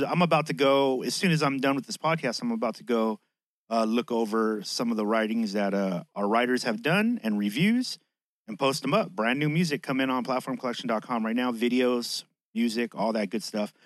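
A man's voice: medium pitch, normal speed, fairly bright tone, dry recording. A man with a lisp and whistling s sounds hosting a podcast in a casual, slangy, chatty monologue that swears freely. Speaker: podcast host.

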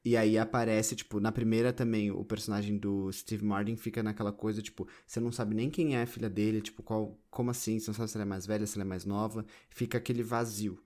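Brazilian man, podcast co-host, lowish voice, relaxed casual chat. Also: fast, hardly any pauses. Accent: Brazilian Portuguese. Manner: relaxed, fond of "tipo" fillers.

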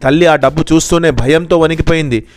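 A man narrating a children's story in a steady, measured way, in a smooth, clear voice. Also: on the high side, no room sound, faint music behind.

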